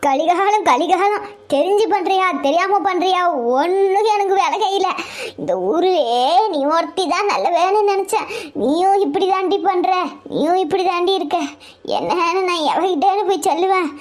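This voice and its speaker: A very high, keening voice, a man putting on a gossiping older village woman from the countryside. She wails and laments over everything in a drawn-out, melodramatic way. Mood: indignant. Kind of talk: comedy skit acting.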